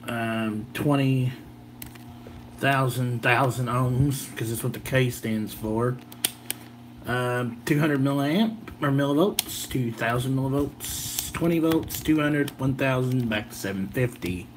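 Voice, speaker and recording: Hosting a homemade gadget video, a man from southern Illinois in the United States wanders along in a folksy, joking manner, sounding a bit tired. His pitch is medium, and some slight hiss or hum is audible.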